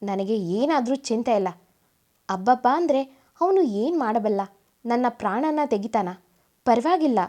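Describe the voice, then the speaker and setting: A woman's voice: fairly high pitch, animated, a little slow, long pauses, a little mellow. A woman voicing a grieving young wife who turns determined and angry. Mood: resolute. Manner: tearful, then angry and firm.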